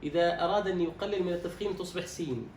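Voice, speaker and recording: Fast-talking male recitation teacher. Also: high-pitched, a little mellow. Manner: instructive, quizzes and demonstrates slow drawn-out words. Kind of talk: recitation lesson, correcting a student. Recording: roomy echo, distant mic, faint noise.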